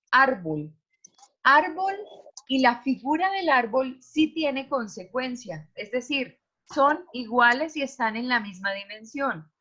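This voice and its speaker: Female teacher lecturing over a video call; high, bright, questions the class. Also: highs cut off. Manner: explanatory, asks students questions.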